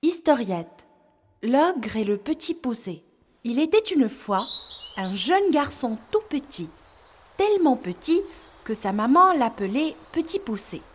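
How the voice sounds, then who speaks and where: Expressive woman telling a children's story. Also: sits high, unhurried, slight background noise. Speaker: narrator. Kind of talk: scripted storybook narration for learners.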